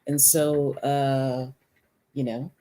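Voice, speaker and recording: Measured Kenyan-born woman artist. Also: extremely low pitch, level tone, dark tone. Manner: measured, hesitant with many uhs. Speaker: artist guest. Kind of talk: interview answers.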